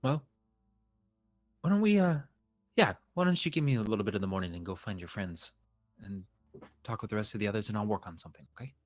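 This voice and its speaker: Man playing a soft-spoken female smith, hesitant and polite, low voice, dry sound. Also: expressive, fast, long pauses, dry recording, soft background music, close to an everyday voice. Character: mild female smith and enchanter.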